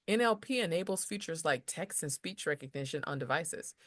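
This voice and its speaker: A woman's voice: sits low, animated, fairly quick, no echo. Woman tutoring in a dry close voice. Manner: rambling, restarts, acts out example voices. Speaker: tutor explaining lesson material. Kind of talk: casual explanatory lesson.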